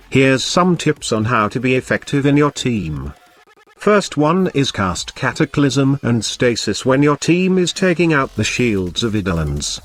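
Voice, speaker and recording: A man hosting a gaming channel, giving an earnest scripted voice-over tutorial with a dry touch of sarcasm. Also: medium pitch. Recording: background music under voice-over.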